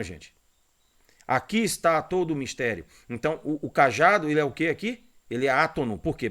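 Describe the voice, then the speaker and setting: A man teaching an online esoteric course, explaining slides and often checking in with his listeners. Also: mid-range voice. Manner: didactic, pointing at slides, frequent "né?" and "ó".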